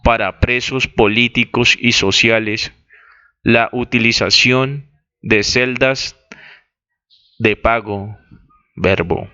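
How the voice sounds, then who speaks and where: A man reading a text aloud as dictation, deliberately spelling out words and correcting his own slips. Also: medium pitch, fairly even intonation, sharp tone, clear, resonant tone. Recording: dull lo-fi recording.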